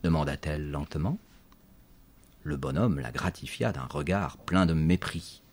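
A man narrating a children's story with expressive, lively storytelling. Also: very deep voice, measured pace. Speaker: audiobook narrator.

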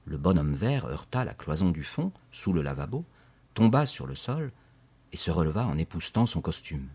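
In a very deep voice with a husky, breathy grain, a man reads a children's story aloud at a moderate pace. His narration is steady and expressive, and he handles the scenes like a veteran audiobook reader.

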